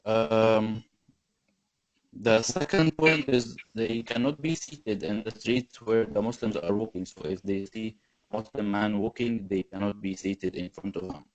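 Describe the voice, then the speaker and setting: A young man from Egypt, giving a halting webinar presentation full of fillers and restarts over a video call. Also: on the low side, a little hiss or hum, poor audio. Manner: hesitant, many fillers and restarts. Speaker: webinar panelist. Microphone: video call mic.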